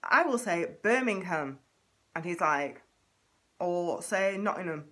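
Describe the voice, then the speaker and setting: A woman's voice: fairly low pitch, animated, slow pace, a bit bright. A woman from Manchester with a Mancunian accent, chatting playfully to camera in a comedic vlog. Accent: Mancunian English. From Manchester, England. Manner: playful, with exaggerated mimicry of others. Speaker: vlogger.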